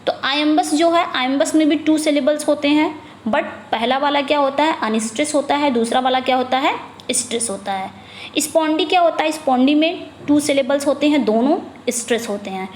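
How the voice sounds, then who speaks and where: A woman with an Indian accent teaching an exam-prep English lesson. She asks her own questions and answers them, reads questions slowly and drops low on each answer. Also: echoey room, a little hiss or hum.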